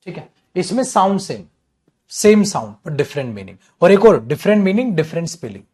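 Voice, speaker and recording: A man giving an animated classroom lecture as an English teacher, repeating his key points. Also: a little high, fairly quick, slightly rough.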